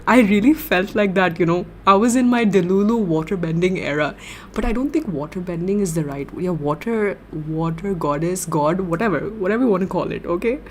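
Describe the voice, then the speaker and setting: A woman's voice: mid-range voice, slight background noise. Giggly young woman streamer chatting. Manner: giggly, gushing and excitable. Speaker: livestreamer. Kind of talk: casual livestream chat reading viewer comments.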